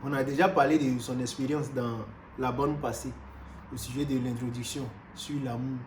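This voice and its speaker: A man from Cameroon with a fairly high voice preaches an animated sermon, swinging from loud exclamations to quiet asides and repeating himself often. The recording has a roomy echo and faint background noise.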